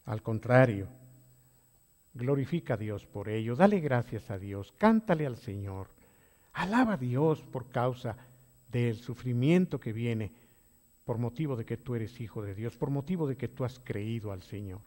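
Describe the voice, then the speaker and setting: A man leading a Bible study as a pastor, swinging between quiet low phrases and loud emphatic exhortations. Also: lively intonation, measured pace, long reverb tail. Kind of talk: sermon-style Bible study.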